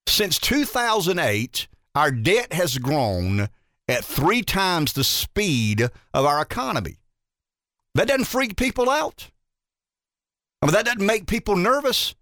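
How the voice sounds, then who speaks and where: A talk radio host in his fifties, with a high-pitched voice, takes things slowly as he muses aloud, rambling animatedly and asking rhetorical questions. The studio-quality audio has no room sound.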